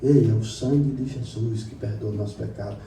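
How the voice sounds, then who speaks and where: A man, a pastor preaching with passion, moving from quiet storytelling to loud exclamations. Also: lowish voice, steady tone, a little fast, creaky, a little hiss or hum. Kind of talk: sermon. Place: church meeting room. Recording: roomy hall recorded from a distance.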